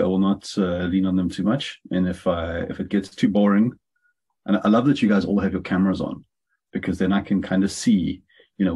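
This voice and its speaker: A man's voice: low voice, darkish tone, husky. An upbeat, chatty man, hosting a casual training session over a video call. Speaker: webinar host and marketing consultant.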